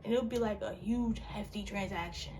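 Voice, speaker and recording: A young woman recounts a personal ordeal in a casual, chatty way. Her voice sits at an ordinary middle pitch but keeps leaping sharply higher when she gets worked up. A faint hum of room noise sits under her talk. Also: moderate pace. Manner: animated, with big pitch jumps and frequent "like" fillers. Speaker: vlogger. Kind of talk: casual storytime.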